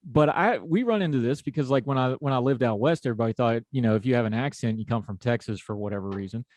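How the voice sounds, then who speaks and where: A West Virginia man with an Appalachian accent hosts a podcast, chatting through an interview in a folksy, conversational way. His mid-range voice is a little mellow and quick, and the sound has no echo.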